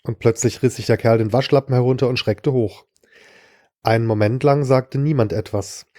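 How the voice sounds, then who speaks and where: A man's voice: medium pitch, steady tone, normal speed, dark tone, no echo. Dry-voiced male story narrator. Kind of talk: scripted narration of a short story.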